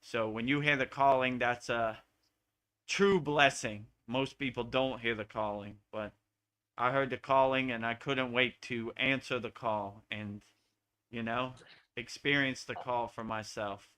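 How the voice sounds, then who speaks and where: A man's voice: mid-range voice, fairly even intonation, a little slow, bright, forceful tone, clean tone. An American man, a spiritual teacher, talking earnestly and repetitively in a live Q&A satsang.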